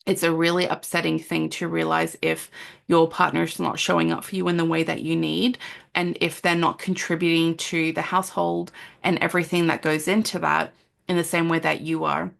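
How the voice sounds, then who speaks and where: A woman's voice: low-pitched, flat delivery, moderate pace, creaky. A woman in her thirties hosting a solo parenting podcast, talking in an earnest, conversational way with frequent "um" and "like". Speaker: podcast host, parenting counsellor.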